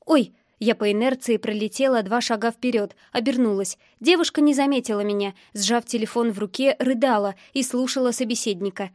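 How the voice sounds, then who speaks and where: A woman reads a first-person audiobook in a measured, even way. Her voice sits somewhat high. The recording is dry and close. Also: no echo. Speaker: narrator.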